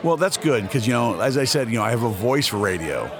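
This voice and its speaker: A store owner in his fifties, interviewed in a convention hall amid a busy crowd, speaks fast in a sing-song, mid-range voice. He chats casually and rambles, often repeating words as he begins a sentence.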